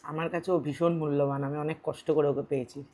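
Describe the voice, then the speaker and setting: Teasing woman with a low voice. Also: a little fast. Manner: teasing, playful bickering; swings between soft reflective and loud animated. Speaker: mukbang vlogger. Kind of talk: casual eating-show chat.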